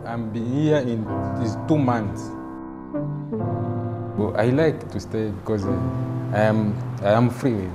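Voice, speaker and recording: A man from Congo, speaking haltingly in short, simple phrases in a documentary interview. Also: on the low side. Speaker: refugee interviewee. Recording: loud music bed under the voice.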